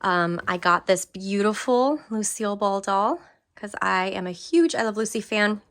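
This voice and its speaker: A woman's voice: medium pitch, lively intonation, moderate pace, a bit bright. A young woman casually chatting through a tour of her craft room, enthusiastic and full of fillers and restarts. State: briefly out of breath. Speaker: craft vlogger.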